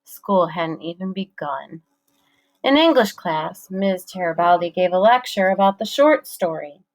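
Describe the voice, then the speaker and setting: Woman, audiobook narrator, slow pace, measured, clear storytelling. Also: fairly low pitch, lively intonation.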